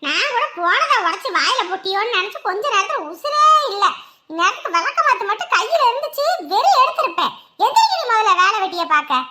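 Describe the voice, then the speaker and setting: An actress playing a sharp-tongued older mother-in-law in a TV serial, nagging and mocking. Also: very high voice, very animated, fairly quick, heavily acted. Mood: scolding. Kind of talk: TV serial acting.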